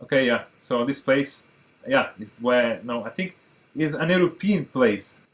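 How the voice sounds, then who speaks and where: A man from Portugal in his thirties, a native Portuguese speaker, chatting excitedly to viewers as he reacts to an old film. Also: mid-range voice. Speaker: movie reaction host. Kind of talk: casual reaction commentary.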